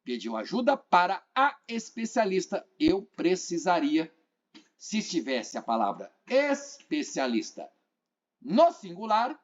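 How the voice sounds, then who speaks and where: Animated Brazilian man teaching grammar. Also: sits high. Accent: Brazilian Portuguese. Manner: animated, questions the viewer, repeats phrases. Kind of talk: exam-prep grammar lesson. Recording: dull lo-fi sound.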